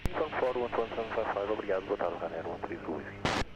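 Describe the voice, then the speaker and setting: Crackly radio, low-voiced fast male pilot. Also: lo-fi sound, over loud music. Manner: clipped, procedural phraseology. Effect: crackly aviation radio. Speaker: airline pilot. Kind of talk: radio readbacks to air traffic control. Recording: crackly, very noisy airband radio.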